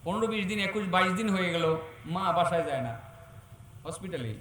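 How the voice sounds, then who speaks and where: High-voiced preacher in an echoey hall. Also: male voice, moderate pace. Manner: swings between loud exhortation and soft storytelling. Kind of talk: Bengali waz sermon. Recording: echoey and distant, faint hum.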